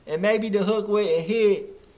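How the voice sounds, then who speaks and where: A man in his thirties hosting a music review stream, reacting in casual, animated street slang. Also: sits high, slow. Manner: hyped, animated, full of slang like bruh. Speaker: host of a music review livestream.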